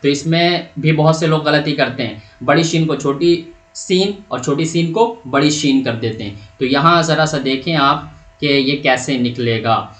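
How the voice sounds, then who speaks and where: A man with a fairly high voice gives a patient, step-by-step pronunciation lesson. He poses questions and answers them himself, and he draws out each letter sound slowly so learners can copy it. The recording is roomy and echoey. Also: fairly bright tone. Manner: stretches out letter sounds to demonstrate. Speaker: Quran reading teacher.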